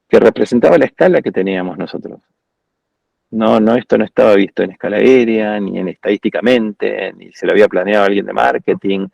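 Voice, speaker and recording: A man with an Argentine accent gives a reflective, wandering lecture over a video call. His voice is deeply gravelly and husky, with a mellow, warm tone. The sound is dry and dull, like lo-fi call audio. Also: dry recording. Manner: reflective, digressive storytelling. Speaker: guest speaker at an architecture school. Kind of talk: informal lecture.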